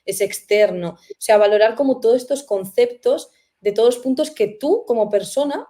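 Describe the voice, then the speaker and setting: Mellow-voiced woman hosting a chat. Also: a little high, moderate pace. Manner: reflective, uses many fillers and rhetorical questions. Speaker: host. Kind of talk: conversational interview.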